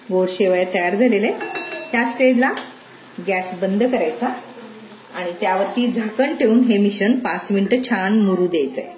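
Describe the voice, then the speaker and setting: A woman hosting a cooking channel, calmly walking through a recipe step by step in a home kitchen. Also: medium pitch. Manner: calm, step-by-step instructive. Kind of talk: recipe narration. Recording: echoey kitchen, faint noise.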